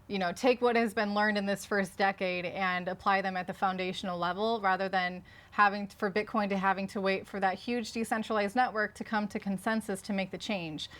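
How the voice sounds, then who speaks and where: A woman with a medium-pitched voice talks as a co-host in a casual discussion. She explains her points conversationally, thinking aloud in an informal style. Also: fairly bright tone. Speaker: video creator and co-host.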